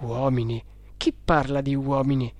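A man's voice: medium pitch, level tone, a little slow, darkish tone, no echo, natural voice. A man voicing a terrified, breathless Bengali man in a storybook reading. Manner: breathless, frightened exclamations.

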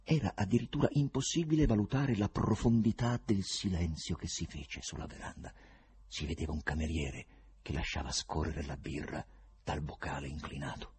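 A man reading a novel aloud as audiobook narration, in an expressive literary style. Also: low voice, normal speed, husky. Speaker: audiobook reader.

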